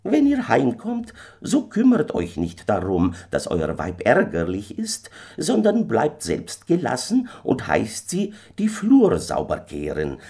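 A man voicing a sinister little old stranger from a fairy tale, speaking slowly and insistently in a raised voice. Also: huge pitch swings, gravelly, warm tone, breathy edge, heavily acted. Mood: commanding. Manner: slow, high, insistent pleading.

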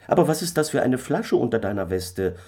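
A man's voice: mid-range voice, sing-song, a little fast, a little mellow, slightly rough, voice pushed up. A man voicing a worried, scolding peasant wife in a fairy tale, firing off nagging questions.

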